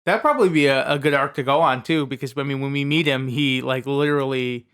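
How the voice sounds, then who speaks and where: A man co-hosting a podcast in casual chat, an animated joker who teases the others. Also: medium pitch, quick pace, clean tone. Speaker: podcast co-host.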